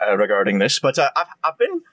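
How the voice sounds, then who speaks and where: A man's voice: medium pitch, wildly swooping pitch, quick pace, bright, forceful tone, exaggerated voice. A man voicing a crafty male goblin hiding in human disguise, chatty and hesitant. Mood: casual.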